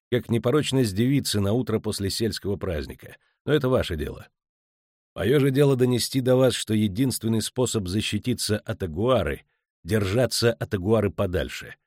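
A man voicing a calm, hardened monster hunter with a dry, sardonic manner. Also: on the low side, no echo, pitched above the performer's own voice.

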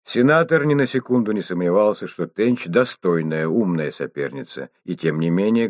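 A man narrating an audiobook in a steady, measured reading style. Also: fairly low pitch, dry recording, studio quality. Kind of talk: scripted narration.

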